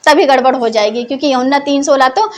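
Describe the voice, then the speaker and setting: Woman Bible teacher, high voice, conversational, fires off questions and answers them herself, scolding edge. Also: quick pace, a little hiss or hum. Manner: keeps posing questions to listeners, then answers them. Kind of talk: Hindi Bible teaching talk.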